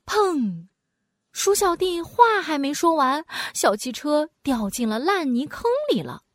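A woman narrating a children's storybook in an animated, sing-song way, with playful sound words. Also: sits high, a little slow, no room sound, studio quality.

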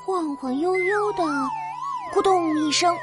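A woman telling a children's story as a mother, playful and animated, with sound words. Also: very high voice, measured pace. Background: children's background music.

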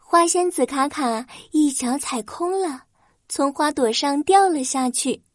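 A woman's voice: sits high, a little slow, dry recording, clean studio sound. A woman reading a scripted children's story as its narrator.

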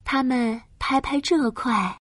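A woman narrating a bedtime story for small children in a gentle, breathy, dramatized way with drawn-out phrasing. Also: high-pitched, dry recording, clean studio sound.

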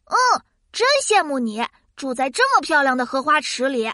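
A woman's voice: high-pitched, lively intonation, normal speed, bright, forceful tone, dry recording, clean studio sound. A woman voicing a curious, cheerful, easily amazed child host in a children's science cartoon, with a childlike, exclaiming manner. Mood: delighted. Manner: childlike, exclaiming, wide-eyed.

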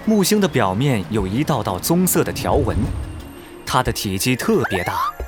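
A man narrating a scripted children's story in a dramatic, expressive way. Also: medium pitch, moderate pace. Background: prominent music.

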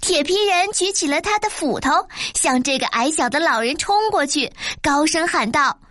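A woman narrating a children's storybook with a clear, expressive reading. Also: sits high, normal speed, no room sound, studio quality.

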